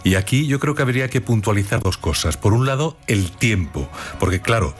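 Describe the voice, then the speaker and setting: A man's voice: lowish voice, expressive, a little fast, faint music behind. A man moderating a panel discussion, speaking in a conversational, reflective way.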